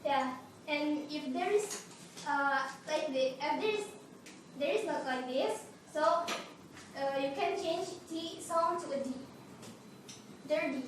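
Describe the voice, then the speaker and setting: Teen girl, student presenter, stop-start delivery, high voice, boomy room. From Indonesia. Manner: halting, many fillers and restarts. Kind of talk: classroom presentation. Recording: echoey room, noisy, far from mic.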